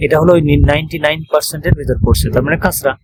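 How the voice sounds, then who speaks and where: Bangladeshi man teaching, noisy recording. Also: a little high. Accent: Bangladeshi Bengali. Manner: explains step by step, often asks checking questions; reads example phrases slowly, then translates. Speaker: Arabic teacher. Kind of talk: recorded online grammar lesson.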